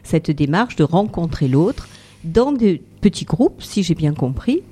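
Low mellow woman radio host. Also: very animated, a little slow, breathy edge, faint music behind. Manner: affirming interjections, guides questions. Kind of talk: radio interview.

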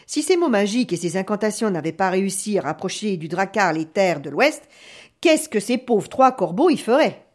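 Woman storyteller, expressive, animated pitch, dramatic read-aloud. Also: normal speed. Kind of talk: storybook reading.

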